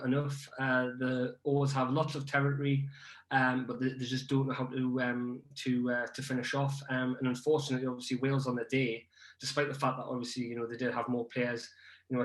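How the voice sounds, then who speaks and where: Appearing as a podcast guest, a young man talks rugby in casual conversation, fairly quickly and with a completely flat, medium-pitched delivery. He hesitates often, filling in with ums and starting sentences over. Echo from the room is audible.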